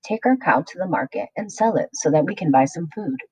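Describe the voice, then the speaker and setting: A woman's voice: fairly low pitch, animated, brisk, warm tone, husky. A woman voicing a poor, cross mother who scolds her son. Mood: worried. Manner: scolding, worried.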